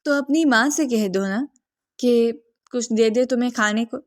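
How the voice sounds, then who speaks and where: A woman voicing an affectionate, protective grandmother in her seventies in a read-aloud romance story, speaking softly and slowly. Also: fairly high pitch, close to an everyday voice. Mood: fond.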